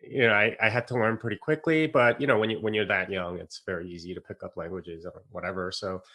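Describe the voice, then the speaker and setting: A man's voice: lowish voice, fairly even intonation, fast talker, fairly bright tone. A man from South Korea, a podcast guest, telling stories in a casual, rambling way with lots of fillers, restarts and laughs. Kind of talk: casual interview chat.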